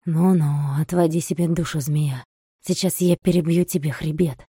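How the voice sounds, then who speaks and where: A woman reading an audiobook voices a scornful old male villager who mocks calmly and coldly. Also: fairly low pitch, normal speed, dry recording, clean studio sound, natural voice. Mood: mocking, scornful. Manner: mocking, calm and cold.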